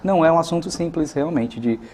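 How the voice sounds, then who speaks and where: A man with a Brazilian Portuguese accent moderating a studio English lesson, calmly translating and clarifying. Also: a little high, fast talker, a little hiss or hum. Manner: calm, clarifying, adds corrections. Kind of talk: classroom lesson, translating sentences.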